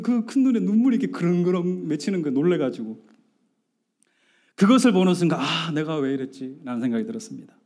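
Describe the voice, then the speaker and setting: Lively animated male pastor telling a story. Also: fairly high pitch. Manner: storytelling with acted-out dialogue, rising to emphatic outbursts; asks the congregation questions. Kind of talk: sermon.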